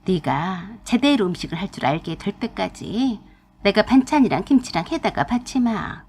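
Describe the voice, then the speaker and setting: A woman's voice: medium pitch, animated, moderate pace, a little mellow, breathy edge. A woman voicing a domineering elderly mother-in-law who scolds and talks down to her daughter-in-law in a storytelling narration. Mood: scolding.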